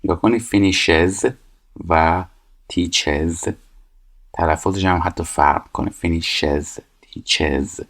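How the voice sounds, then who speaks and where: A man, a Persian speaker, teaching English grammar. He reads the English sentences slowly and explains them quickly in Persian. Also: low voice, steady tone.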